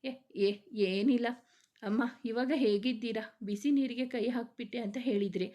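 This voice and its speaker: A woman's voice: on the high side, steady tone, moderate pace, mellow, lightly acted. A woman voicing a blunt, outspoken young female office worker in a storybook reading.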